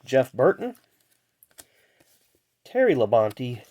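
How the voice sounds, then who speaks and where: This mid-range, darkish male voice is very animated yet slow, thick and nasal from stuffed-up sinuses. As host of a racing card pack-opening video, he keeps up loose, chatty commentary, listing names and then adding side remarks.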